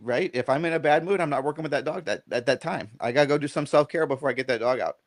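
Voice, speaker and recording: A man's voice: a little high, fast, noisy background. A middle-aged man, a dog trainer guest on a podcast, talking in a casual, rambling way. He keeps checking in with "right?" and acts out little quoted lines as he tells stories. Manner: animated storyteller who acts out quotes.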